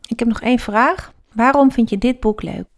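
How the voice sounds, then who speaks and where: A woman hosting a children's book podcast, chatting with a child and reading aloud with lively expression. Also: a little high, normal speed.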